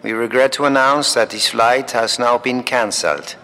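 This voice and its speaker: An actor playing a calm, formal male airport announcer who reads flight numbers slowly and clearly. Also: mid-range voice, big-room sound, poor audio. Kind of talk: scripted language-course recording.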